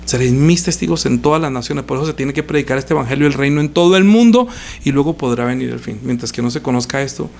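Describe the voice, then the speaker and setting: A man preaching a live-streamed sermon, reading scripture aloud and repeating phrases. He swings from loud emphasis to hushed lines. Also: mid-range voice, fast, vocal fry, slight background noise.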